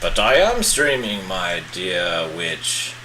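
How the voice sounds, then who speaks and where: A man's voice: low voice, sing-song, pushed and bright, a little hiss or hum, exaggerated voice, low-quality recording. A man playing a pompous bearded old wizard with a put-on British accent, hamming it up while he paints live. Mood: grandiose. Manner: hammy, drawn-out theatrical wizard speech.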